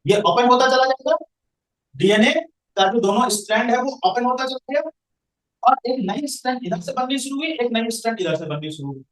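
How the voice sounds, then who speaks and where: In an echoey room, far from the microphone, a man teaching science quizzes his students and answers his own questions. His voice is extremely high and a touch bright, with lively intonation and a brisk pace.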